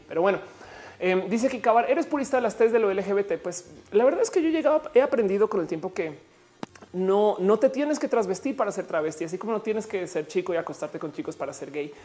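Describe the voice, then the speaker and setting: A woman's voice: lowish voice, mellow. A woman with a Mexican accent hosting a live stream, chatting casually and explaining things as she reads viewer messages aloud. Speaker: live-stream host answering chat. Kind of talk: casual chat.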